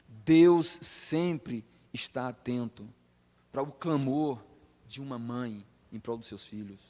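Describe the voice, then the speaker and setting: Male preacher, impassioned, hushed-to-loud swings, long hall echo. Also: medium pitch. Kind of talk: sermon. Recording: long hall reverb with faint music behind.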